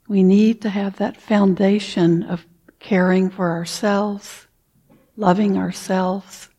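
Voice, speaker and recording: Meditation teacher, female; slow, soft delivery with long pauses, breathy and mellow tone. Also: mid-range voice. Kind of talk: guided meditation.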